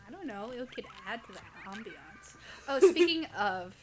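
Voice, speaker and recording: This host and reader of online horror stories has a fairly high, animated voice and talks at a normal speed. Co-hosting a casual story reading, she chats and teases her partner playfully, and there's a little hiss or hum in the audio.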